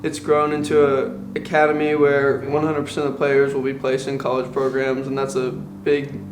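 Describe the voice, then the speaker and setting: A man's voice: medium pitch, monotone, normal speed, reverberant, over music. A man, the founder's son, talking casually and a bit hesitantly in a documentary interview.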